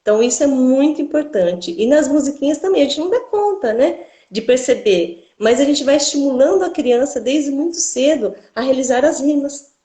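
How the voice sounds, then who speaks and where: A woman's voice: high-pitched, expressive, normal speed, mellow, roomy sound. A woman speech therapist with a Brazilian accent explains things in a didactic way in an interview and often ends her phrases with "né?". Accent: Brazilian Portuguese.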